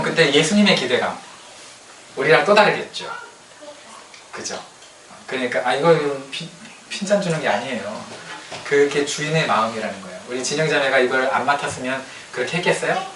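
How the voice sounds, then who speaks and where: A male pastor preaching a conversational sermon, often checking with the congregation and dropping joking asides. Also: mid-range voice. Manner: conversational, keeps asking the congregation "right?". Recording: echoey room, distant mic, faint noise.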